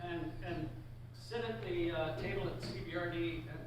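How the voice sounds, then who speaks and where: A man's voice: a little high, moderate pace. An older man from British Columbia giving a roast speech, joking dryly about himself and an old school friend. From Canada, British Columbia. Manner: dry, self-mocking humor. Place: event hall. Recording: echoey hall, far mic, loud background noise.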